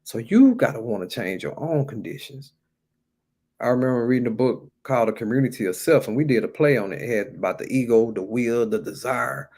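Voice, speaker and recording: Preaching informally and colloquially, an American man with a medium-pitched, darkish voice talks fairly quickly and expressively. He urges his audience on, hammering home key phrases through emphasis and repetition.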